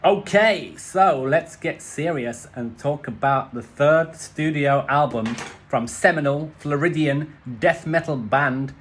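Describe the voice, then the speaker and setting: A man's voice: on the high side, a bit bright. Chatty, rambling man reviewing an album. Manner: chatty, rambling, wry asides; uses musician's terms. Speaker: music reviewer.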